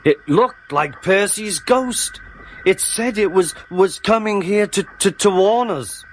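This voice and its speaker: A man's voice: mid-range voice, sing-song, a little slow, a bit bright, slight background noise. A man voicing a kindly, nervous little tram engine who stammers when frightened, in a storybook tale. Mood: anxious. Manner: stammering, timid.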